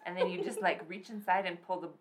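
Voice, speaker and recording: A young woman co-hosts a podcast, talking fast in a fairly low, fairly even voice over slight background noise. She chats casually and tells stories, sprinkling in plenty of "like" and "so anyways."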